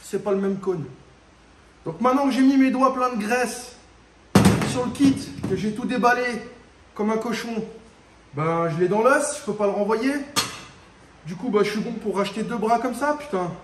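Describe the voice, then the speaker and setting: A man's voice: sits high, normal speed, long pauses, reverberant, very noisy. A man doing a casual workshop vlog about a car repair, speaking straight to the viewer in slangy, casual speech and swearing when things go wrong. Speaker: home mechanic showing a car repair. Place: garage workshop.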